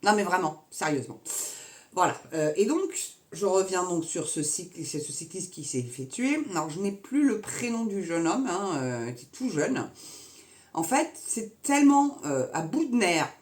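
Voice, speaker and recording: Low, lively-voiced sarcastic woman vlogger. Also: moderate pace. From Normandy, France. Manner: sarcastic, slangy, scornful, addresses viewers directly. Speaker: vlogger commenting on the news. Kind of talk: casual political rant to camera.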